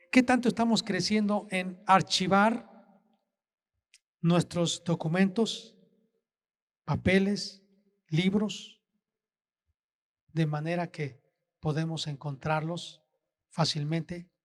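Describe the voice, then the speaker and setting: A man preaching a sermon as a pastor, asking the congregation slow, deliberate rhetorical questions. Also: sits high.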